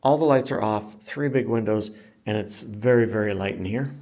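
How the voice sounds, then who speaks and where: A man's voice: fairly low pitch, normal speed, a little mellow. An American man working as a real estate agent, giving a casual, enthusiastic walk-through home tour and talking up the features to viewers. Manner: enthusiastic sales talk, emphasising features. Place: inside a house, walking room to room.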